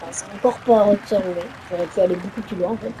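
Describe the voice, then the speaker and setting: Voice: mid-range voice, steady tone, quick pace, a crowd in the background, poor audio. A gaming video host giving casual let's-play commentary, thinking aloud while playing.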